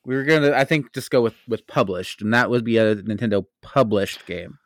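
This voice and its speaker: A man on a casual gaming podcast, explaining terms in a measured way. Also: on the low side, no room sound, studio quality.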